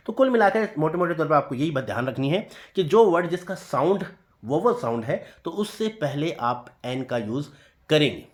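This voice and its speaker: Man teaching grammar, slow and repetitive. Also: fairly high pitch. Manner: slow deliberate reading of example sentences, repeating key points. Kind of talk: explanatory classroom lesson.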